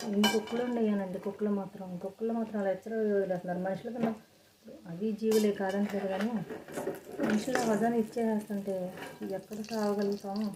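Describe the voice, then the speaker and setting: A woman's voice: medium pitch, noisy background. A woman chatting through a cooking demonstration in her home kitchen, explaining each step to viewers. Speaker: cooking vlogger. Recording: frying sizzle behind the voice. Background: frying and stirring sounds.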